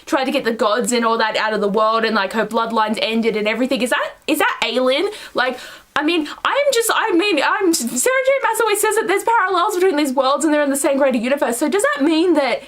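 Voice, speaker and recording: A young woman with a high voice talks through a book in loose, excited chat. She rambles, swears freely and slips into quick bits of characters' dialogue as she gushes. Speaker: book reviewer. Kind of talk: casual chat.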